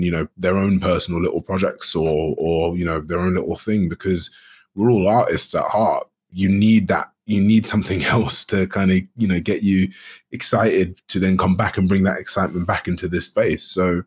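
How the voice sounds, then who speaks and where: A man being interviewed as a guest, speaking in a relaxed, rambling way with many "you know"s and restarts. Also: sits low, moderate pace, breathy edge. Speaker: guest, actor and game studio founder. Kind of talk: casual interview chat.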